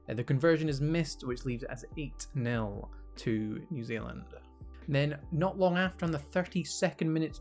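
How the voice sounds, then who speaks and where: A young man gives a quick voice-over recap as the host of his own channel. His voice sits at an ordinary middle pitch and drops away at the end of each line. Faint music plays underneath. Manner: brisk recap, trailing off at line ends. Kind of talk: match review voice-over.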